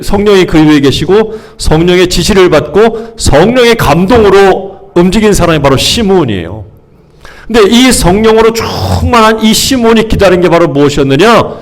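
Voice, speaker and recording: A male pastor giving a conversational sermon to his congregation, asking questions and acting out the voices of people he describes. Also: high-pitched. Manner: conversational preaching, acts out quoted scolding voices.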